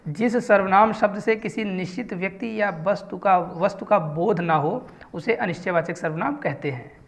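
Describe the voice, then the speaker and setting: A woman's voice: mid-range voice, normal speed. A woman teaching a Hindi grammar lesson, explaining step by step and asking her students questions.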